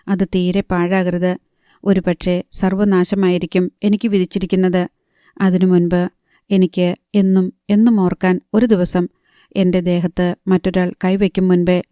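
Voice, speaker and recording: A woman's voice: lowish voice, dark tone, no echo, studio quality, lightly acted. A woman reading a young woman in love, anxious and pleading, in an audiobook. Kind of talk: audiobook narration.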